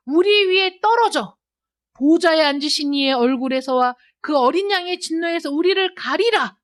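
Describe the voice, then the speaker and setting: A woman pastor preaching a sermon in a church, emphatic and full of rhetorical questions, moving between loud urging and quiet asides. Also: sits high. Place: church sanctuary.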